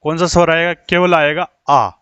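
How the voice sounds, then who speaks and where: Male teacher from India, slightly high voice, dry close sound, steady question-and-answer lesson. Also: clear, resonant tone, no room sound. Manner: asks rhetorical questions and answers them himself, slows down while writing on the board. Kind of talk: Hindi grammar lesson.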